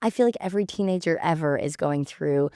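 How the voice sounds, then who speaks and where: A bubbly young woman chats in a casual podcast, her speaking voice sitting a little low for a woman. She tells stories with animation, often jumping into playful put-on voices. The sound is dry and close to the mic. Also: a little fast, dark tone, clear, resonant tone, no echo. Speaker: guest, cliff diver.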